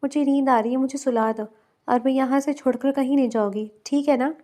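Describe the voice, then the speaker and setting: A woman's voice: sits high, steady tone, close to an everyday voice. Woman reading as an innocent childlike grown man. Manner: soft, innocent, stubborn.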